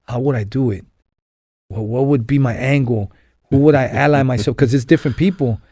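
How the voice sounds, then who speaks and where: He speaks a little fast at medium pitch with a warm tone, and there's no room sound in the recording. This young Angeleno is a podcast guest telling his story in a loose, rambling interview full of fillers and restarts.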